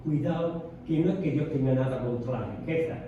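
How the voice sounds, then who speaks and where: A man's voice: mid-range voice, fairly quick. A man in a Bible study group sharing a reflective, hesitant comment with repeated words. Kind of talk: group discussion. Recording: echoey room, far off, dull lo-fi, clear noise.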